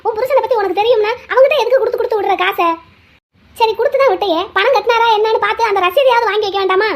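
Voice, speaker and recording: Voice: extremely high pitch, racing. A voice actor playing a stern older neighbour woman in a cartoon, who lectures and scolds. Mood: scolding. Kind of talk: cartoon voice acting.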